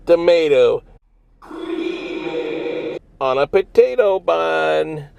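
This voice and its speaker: A man hosting his own food review vlog in an exaggerated, drawn-out showman delivery. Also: on the high side, lively intonation, vocal fry, dull audio, noisy background.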